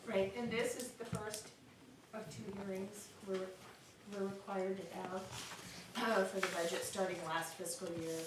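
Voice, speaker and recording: A woman's voice: medium pitch, fairly even intonation, unhurried. A woman giving an informal briefing as an official at a public meeting. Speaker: county budget official. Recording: echoey room, far from mic, noisy.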